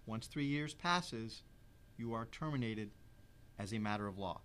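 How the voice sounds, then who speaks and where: Measured man explaining legal rules. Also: fairly low pitch, a bit bright, clean tone. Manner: measured, precise, stresses key words. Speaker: legal expert guest.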